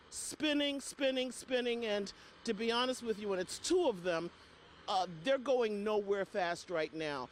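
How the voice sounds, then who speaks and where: A woman delivering live field news reports with an emphatic on-air delivery, recorded outdoors on location. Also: mid-range voice. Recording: outdoor field audio with faint noise.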